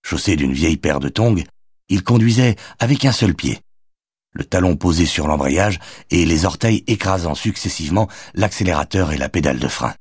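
A man narrating a novel as an audiobook, reading in an expressive storytelling manner on a close microphone. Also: low-pitched, moderate pace, slightly rough, no echo. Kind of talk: scripted narration.

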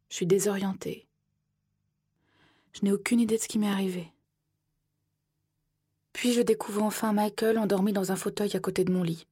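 A woman narrating an audiobook in the first person, soft and measured, often slipping into whispers. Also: medium pitch, breathy edge, dry recording, studio quality.

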